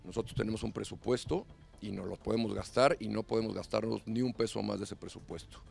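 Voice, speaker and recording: A middle-aged man giving a measured interview answer into a handheld mic. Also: lowish voice, creaky, a little mellow. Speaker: club executive.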